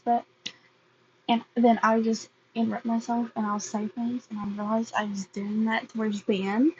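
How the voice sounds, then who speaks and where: Slow, hesitant woman reading fan fiction. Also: fairly high pitch, a little mellow, slightly rough, highs cut off. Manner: hesitant, frequent restarts.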